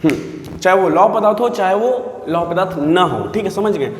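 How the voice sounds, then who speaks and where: Male physics tutor, high voice, echoey room with long reverb. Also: lively intonation, moderate pace. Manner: constantly checks understanding, repeating phrases, addresses viewers as sir. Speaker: physics teacher. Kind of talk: classroom physics lesson.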